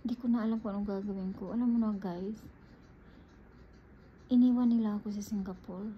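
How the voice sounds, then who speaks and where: A woman's voice: medium pitch, a little fast. Woman, from the Philippines, casual vlog storytelling, talks to viewers, lo-fi dull audio, faint background noise. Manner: animated, addresses viewers as guys. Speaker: vlogger.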